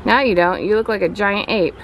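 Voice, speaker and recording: A woman's voice: mid-range voice, brisk, dull audio, noisy background. A woman vlogging outdoors on her homestead, patiently coaching her child in a chatty way and talking to the camera. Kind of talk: casual vlog talk to her child and camera. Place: outdoors on a farm yard.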